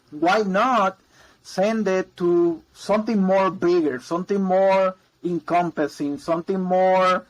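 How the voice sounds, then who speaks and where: A guest in a casual interview chat, this Puerto Rican mortgage broker in his 40s has a voice that sits high. He rambles, repeats himself and uses many ums and uhs. The audio is poor.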